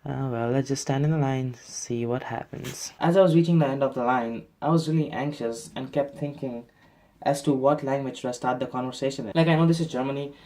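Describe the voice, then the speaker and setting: A man's voice: medium pitch, fairly quick, mellow. Exasperated man narrating a travel mishap. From India. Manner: exasperated, self-mocking storytelling. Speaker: travel vlogger. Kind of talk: vlog narration and commentary.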